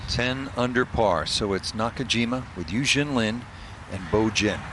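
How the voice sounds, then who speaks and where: A man's voice: medium pitch, moderate pace. A man anchoring live golf commentary as the lead announcer, calling the play. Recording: clear outdoor noise behind the voice.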